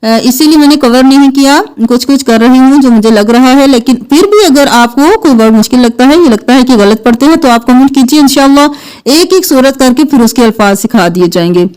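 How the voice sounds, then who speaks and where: A woman teaching tajweed, who gives quick explanations and then chants the verses slowly and melodically. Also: high voice, animated, darkish tone, clear, resonant tone. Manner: quick explanations alternating with slow drawn-out melodic recitation. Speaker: Quran recitation teacher. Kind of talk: tajweed lesson with slow chanted recitation.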